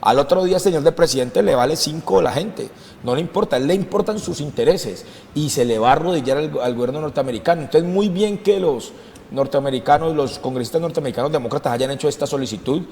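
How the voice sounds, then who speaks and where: A man's voice: fairly high pitch, animated, quick pace, a little mellow, long reverb tail, a little hiss or hum. A man from Colombia speaking as a political commentator on a talk show, impassioned and emphatic, repeating phrases for stress.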